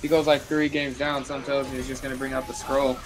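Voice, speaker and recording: A man's voice: mid-range voice, little pitch movement, fast, over music, rough recording. A man giving casual live play-by-play commentary on a fighting game. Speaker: esports match commentator.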